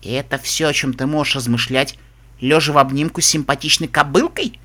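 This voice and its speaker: A sharp-tongued young unicorn mare, sarcastic and mocking, speaking in a bright, lively voice, as a male narrator puts her on. She needles her companion with dry storybook venom. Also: mid-range voice, a little fast, pitched below the performer's own voice.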